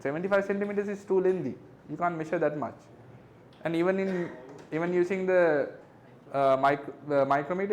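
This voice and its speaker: Reviewing exam questions aloud, this high-voiced, light-toned physics tutor takes each figure step by step. Short tag questions keep checking that the class is following, and a little background noise can be heard.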